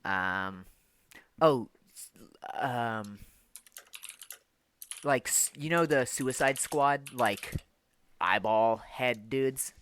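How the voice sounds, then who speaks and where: Speaking very slowly with long pauses, a man with a mid-range, fairly bright voice co-hosts a casual podcast chat and tells a long, rambling story peppered with fillers and occasional swearing. A little hiss or hum sits under the audio.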